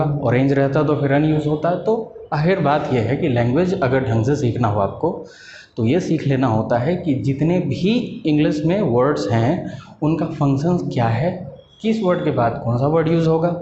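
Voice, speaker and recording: A man's voice: a little high, warm tone, a little hiss or hum. Man teaching in an echoey room. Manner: patient, asks rhetorical questions and slows to stress key terms. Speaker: English teacher. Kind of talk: explanatory lesson in Hindi. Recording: echoey room, dull lo-fi sound.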